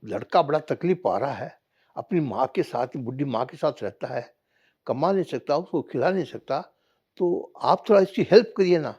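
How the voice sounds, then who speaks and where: A man voicing goddess Parvati, gently pleading. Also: on the high side, lively intonation, moderate pace, slightly rough, lo-fi sound. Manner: coaxing, pleading on others' behalf. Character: goddess Parvati, kind pleading female deity.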